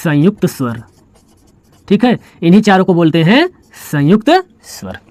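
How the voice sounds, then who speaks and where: A man's voice: high voice, very animated, normal speed, darkish tone, no room sound. A male teacher giving a board lesson, asking questions and answering them himself, with playful storytelling. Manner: call-and-response questioning, playful storytelling about letters. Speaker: Hindi teacher.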